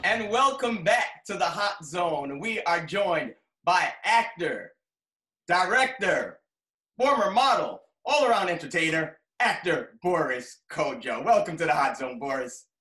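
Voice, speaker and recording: A man's voice: on the high side, animated, unhurried, pushed and bright, echoey room, rough recording. A man hosting an interview show, introducing his guest in an upbeat, promotional manner. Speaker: host.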